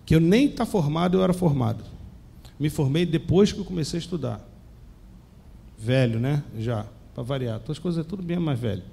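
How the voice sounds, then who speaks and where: A man in his forties with a Rio de Janeiro accent, preaching a sermon and telling his own testimony with emphatic pauses and direct questions to the congregation. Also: a little high, animated, creaky, mellow, breathy edge. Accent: Brazilian Portuguese, Rio de Janeiro.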